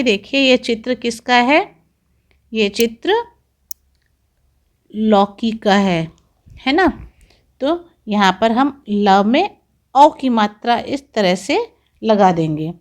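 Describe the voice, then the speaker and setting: A woman teacher giving a slow, patient lesson to young children, pronouncing each sound and word carefully. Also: on the high side.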